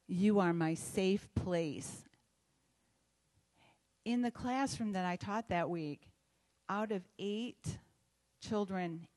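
A woman who teaches a children's class, sharing at church in a measured, reflective way. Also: fairly low pitch, darkish tone.

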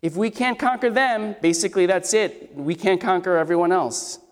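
In a high-pitched, scratchy voice at normal speed, a man preaches an expository sermon. His tone is conversational, he asks the congregation questions, and the recording has a long hall reverb.

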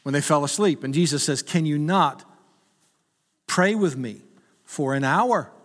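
A middle-aged man preaches in a high, light voice, mixing jokes about himself with earnest calls to his listeners. His words ring out with a long reverb, as in a large church hall. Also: unhurried. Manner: conversational, self-deprecating humor, rising to urgent appeals. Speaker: pastor. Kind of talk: sermon with humorous stories.

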